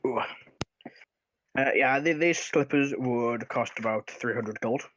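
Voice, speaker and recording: Guy game mastering a tabletop game, medium pitch, kinda hesitant and sweary, really dry close sound. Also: takes it slowly, fairly bright tone, dry recording, poor audio. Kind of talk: casual tabletop game narration.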